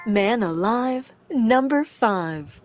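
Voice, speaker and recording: Slow woman calling bingo. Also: fairly high pitch, expressive. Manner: slow, measured, evenly paced calling. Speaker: bingo caller. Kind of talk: calling bingo numbers with rhyming calls. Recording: loud music playing underneath.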